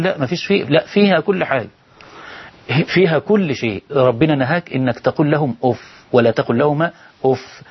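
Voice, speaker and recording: A man's voice: mid-range voice, breathy edge, lo-fi sound. A man with an Egyptian accent preaching on a televised call-in show, pleading and firing rhetorical questions at his listeners. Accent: Egyptian Arabic. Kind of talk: televised sermon with callers.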